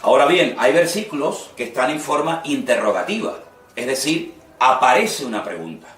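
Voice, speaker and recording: A man's voice: mid-range voice, very animated, normal speed, fairly bright tone. Emphatic man teaching preaching. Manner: emphatic, instructive, repeats key words. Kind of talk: homiletics class lecture. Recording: echoey room, mic at a distance.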